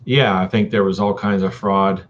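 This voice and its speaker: A man's voice: low voice, fairly even intonation, moderate pace, slight background noise. A man chatting casually on a live stream, rambling with many ums and uhs and calling viewers buddy and dude. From Texas. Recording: dull lo-fi stream audio.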